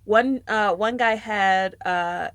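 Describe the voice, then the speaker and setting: Young woman host, casual chat, animated storyteller; dry close sound. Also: mid-range voice, takes it slowly, no room sound. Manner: animated storyteller, acts out quotes. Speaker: podcast host.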